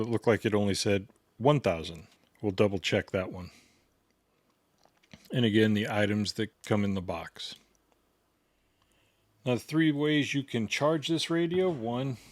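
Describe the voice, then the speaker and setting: A product reviewer with a fairly low, echo-free voice demonstrates a gadget. His tutorial is casual and hands-on, walking through each step plainly.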